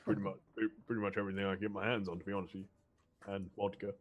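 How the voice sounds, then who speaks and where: A man with a lowish voice plays his character at a tabletop game in a casual, blunt way. He speaks bluntly and bluffly, mixing boasts with plain talk. His delivery is brash and easygoing. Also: flat delivery, very fast, highs cut off.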